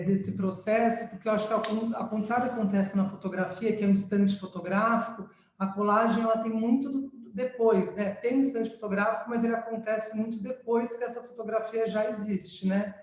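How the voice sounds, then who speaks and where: A French-born woman who grew up in São Paulo speaks warmly at a medium pitch as she shows her artwork over a video call. The call's microphone picks up an echo in her studio. She talks informally and thoughtfully, hunting for words and often tacking on tag questions.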